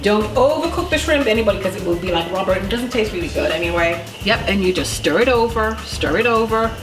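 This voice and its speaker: Quick and animated, her medium-pitched voice carries a casual cooking demonstration; she's a woman of about fifty from Jamaica, chatty, emphatic and full of questions for the listener. The room is echoey, with loud music in the background alongside clattering pots and stirring.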